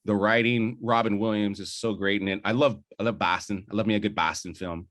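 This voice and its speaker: A lowish, slightly bright male voice with fairly even intonation and a brisk pace belongs to a young podcast co-host. He argues about movies eagerly, rambling and restarting sentences amid fillers.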